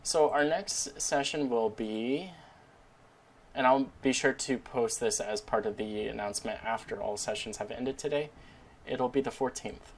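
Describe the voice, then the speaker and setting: A man running a tabletop game chats after the session, laying out what comes next step by step. His pitch is middling, with faint noise behind him. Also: measured pace. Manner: explains plans step by step, friendly. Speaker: game master.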